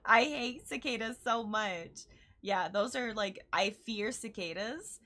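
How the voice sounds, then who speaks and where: A bubbly, giggly woman from Chicago in the US Midwest hosts a casual online interview, laughing easily. Her voice sits at medium pitch with a sharp tone, and she talks at a slow pace in her Chicago accent.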